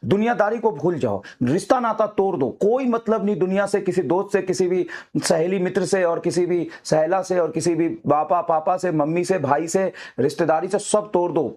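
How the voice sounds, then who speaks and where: High-pitched man, teacher, fiery motivational talk to students, hammers the same lines again and again. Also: moderate pace, darkish tone. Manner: fiery, repetitive exhortations.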